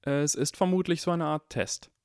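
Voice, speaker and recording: A man reading an audiobook and voicing a clever, cheeky eleven-year-old boy who talks quickly and pleads and protests. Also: on the high side, clean tone, no echo, studio quality, pitched above the performer's own voice, natural voice. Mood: determined.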